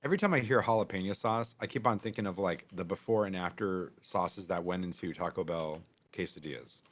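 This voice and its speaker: A man's voice: low-pitched, a little fast. A man streaming a party game with friends, chatting casually and rambling with lots of fillers. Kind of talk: casual chat. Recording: noisy mic with clicks.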